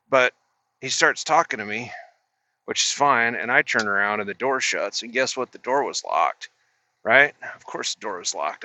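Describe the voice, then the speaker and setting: A man's voice: mid-range voice, bright, forceful tone, dry recording. A middle-aged man, a truck driver, casually telling a story in a laid-back, profane, rambling way with restarts.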